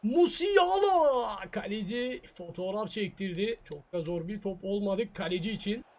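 High-voiced man grumbling over gameplay. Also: normal speed, darkish tone. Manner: frustrated muttering, taunting the opponent. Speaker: gaming YouTuber. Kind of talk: live gameplay commentary.

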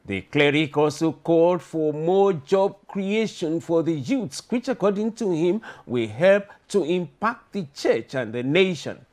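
Lively news anchor. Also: male voice, fairly high pitch, a little slow, few pauses. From Nigeria. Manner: formal, lively newsreader delivery. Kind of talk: news reading. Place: TV news studio.

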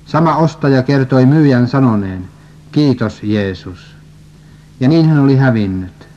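A man steadily reading a religious prophecy story and scripture aloud, at an even pace, on a dull lo-fi recording. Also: medium pitch. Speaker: reader.

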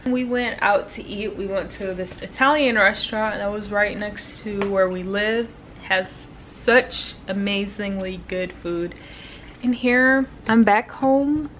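A woman vlogger chatting casually to her camera, telling stories in an animated way and laughing often. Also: medium pitch, slight background noise. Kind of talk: casual vlog chat. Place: at home and around her apartment. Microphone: handheld camera.

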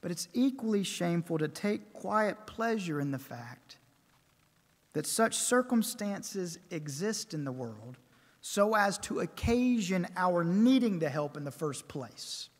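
A man preaching a sermon at a pulpit microphone, measured and emphatic, building his points with repeated phrases. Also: high voice, lively intonation. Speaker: pastor. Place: church sanctuary. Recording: long church reverb.

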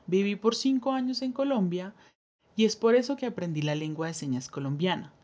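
A woman interpreting a signed interview aloud in the first person, with a measured, steady delivery and pauses. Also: medium pitch. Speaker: sign language voice interpreter.

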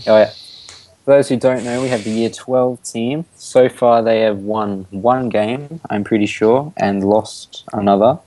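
A teenage boy with an Australian accent, commentating a school esports match in a relaxed, easygoing way. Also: fairly low pitch, unhurried, no room sound, rough recording. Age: teens. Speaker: student shoutcaster.

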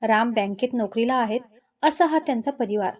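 A woman narrating a scripted love story as storyteller, in a gentle, descriptive manner. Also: a little high, normal speed.

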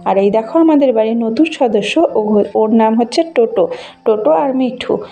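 Holding her phone camera as she strolls through a rural garden and across fields, a Bengali village vlogger in her thirties gives casual narration. She chats with viewers about what she's showing, sounding gently enthusiastic, her pitch fairly high.

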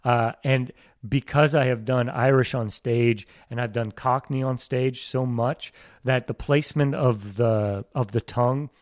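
A man from Iowa, an actor, talking as a podcast guest in a reflective, self-deprecating way with halting restarts. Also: mid-range voice, fairly even intonation, dry recording, clean studio sound. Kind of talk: casual interview talk.

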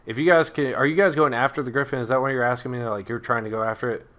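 A man's voice: mid-range voice, fairly even intonation, very fast, fairly bright tone, lightly acted. A man voicing a blunt, harried male town guard in a tabletop game, talking in a rambling, exasperated way.

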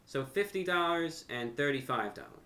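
A young American man, host of a video channel and a radio show, speaks to camera from a furnished room at home in a casual, conversational monologue. His voice is a little high, bright, and forceful, with lively intonation at a moderate pace, and he earnestly repeats phrases for emphasis.

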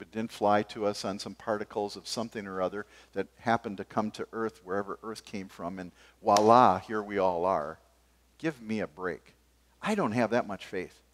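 An older man preaching a sermon from a church pulpit, gesturing as he moves between forceful emphasis and sudden quiet asides. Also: fairly low pitch, normal speed. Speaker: pastor. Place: church stage behind a wooden pulpit.

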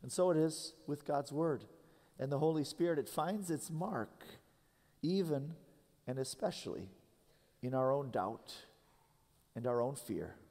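A pastor in his thirties preaching a sermon in earnest, slowing down to stress key phrases. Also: on the high side, animated, dark tone. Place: large church sanctuary. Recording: long hall reverb from a church sanctuary.

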